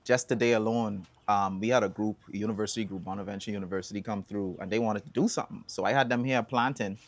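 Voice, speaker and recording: A Bahamian man telling stories as an interview guest, relaxed and chatty, with bursts of excited whoops. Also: on the low side, fast, no echo. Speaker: songwriter and environmental advocate guest. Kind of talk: casual interview answers.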